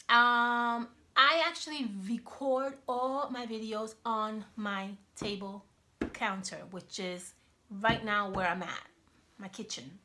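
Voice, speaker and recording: Bright-voiced chatty Cuban-born woman vlogging. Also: on the high side, slight background noise. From Cuba. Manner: chatty, animated, talks with her hands. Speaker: YouTube vlogger. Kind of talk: casual Q&A vlog. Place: home kitchen, indoors, small room. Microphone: iPhone on a selfie stand.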